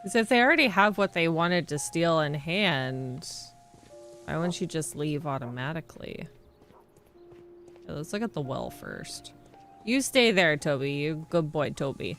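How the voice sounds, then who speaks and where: A woman streamer giving casual, excitable commentary as she plays, talking to the characters on screen. Her voice sits a little low but swings widely in pitch, and she speaks at an unhurried pace. Game music plays faintly behind her. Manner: playful, excitable, talks to the game.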